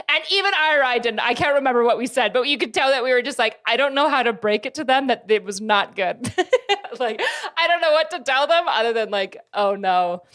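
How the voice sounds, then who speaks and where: A young woman streamer chats casually while reacting to clips, animated and laughing. Her voice is a little high and her pace moderate. She swears now and then and mimics people.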